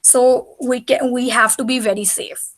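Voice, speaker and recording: A woman's voice: a little high, fairly even intonation, a little slow. A woman tutoring in an informal reading lesson, explaining a story hesitantly and repetitively in simple words. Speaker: mother tutoring her child in English reading.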